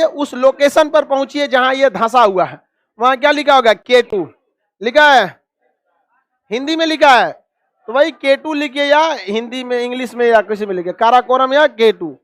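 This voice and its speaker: A man teaching a classroom map lesson, scolding students and drilling them with quick repeated questions. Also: very high voice, fairly bright tone, dry recording, clean studio sound. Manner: scolding, calls students donkeys.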